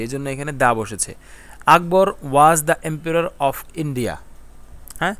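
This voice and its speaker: A man explaining English grammar, reading example sentences slowly and answering his own questions. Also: fairly high pitch. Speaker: English teacher.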